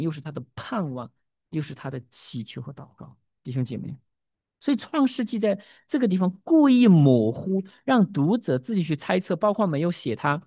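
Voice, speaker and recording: A middle-aged man preaching a sermon as pastor, animated, asking rhetorical questions and dropping in English words. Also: fairly high pitch, no echo, studio quality. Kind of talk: expository sermon.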